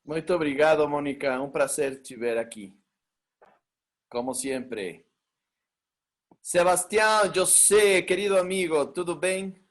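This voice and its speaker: Guy running an online workshop, talks slow, kinda high voice, greets everyone. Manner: warm greetings, unhurried. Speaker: workshop host and teacher. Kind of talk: welcoming participants on a video call. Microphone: video call.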